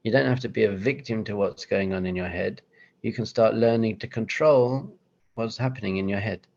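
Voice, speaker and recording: A man with a low, gravelly voice gives a motivational talk with slides, chatty and self-deprecating. He often breaks into little acted-out voices. The recording is dull and lo-fi. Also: normal speed, a little mellow. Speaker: rabbi giving a talk.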